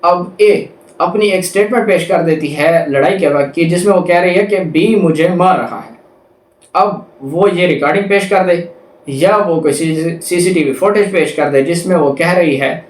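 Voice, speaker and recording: This law lecture comes from a man with a Pakistani accent, a high voice and a normal speaking speed. Reading legal text and offering examples, he teaches in a didactic way, going over points again and switching between Urdu and English legal terms, while the room makes the sound echo.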